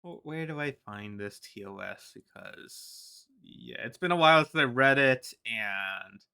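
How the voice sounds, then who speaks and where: A man's voice: mid-range voice, expressive, a little slow, pushed and bright, smooth. A man chatting casually on a live stream about his comics, rambling with many restarts and fillers and laughing between thoughts.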